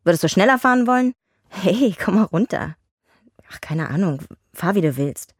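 A woman's voice: on the low side, expressive, moderate pace, breathy edge, no echo, studio quality. A woman voicing a wry police officer in dubbed film dialogue, bickering and teasing on patrol.

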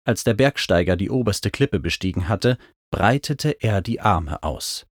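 A man's voice: on the low side, lively intonation, unhurried, no echo, clean studio sound. A man narrating a first-person adventure story in a vivid, dramatic reading style. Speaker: audiobook narrator.

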